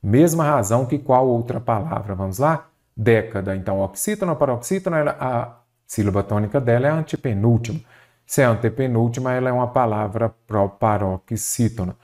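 Male grammar teacher, exam-prep lesson, questions then answers himself, lifts his pitch on key words. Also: lively intonation, brisk, darkish tone. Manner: didactic, asks questions and answers them himself. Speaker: Portuguese language teacher.

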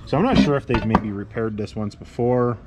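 In a cluttered workshop garage, a welder who hosts his own channel talks casually through a repair, rambling and correcting himself in a plain-spoken way. His voice is fairly low, a little mellow and a little fast, with some hiss or hum.

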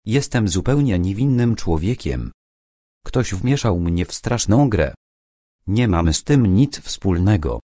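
Cornered suspect, man, stammering and defensive, done by an audiobook reader, low voice. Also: lively intonation, unhurried, warm tone, no room sound, clean studio sound. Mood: feverish.

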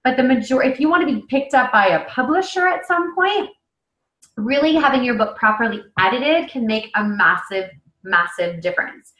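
A native English-speaking author presents a webinar from an echoey room, picked up by the webcam mic on a video call. Her voice is fairly high and bright with lively intonation and normal pacing, though the highs are cut off. The instructional talk is casual and full of fillers and restarts.

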